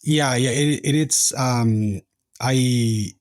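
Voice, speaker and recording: An Argentine tech founder with an Argentine accent answers interview questions in casual conversation. His medium-pitched voice is a little mellow, and he speaks haltingly, full of fillers and restarts. The recording is studio quality with no echo.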